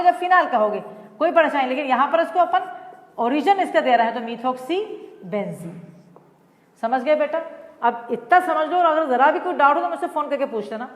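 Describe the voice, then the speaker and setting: High-voiced teacher woman in an echoey room. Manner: explains patiently, mixing Hindi and English, calls students "beta". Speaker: chemistry teacher. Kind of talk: online class lecture.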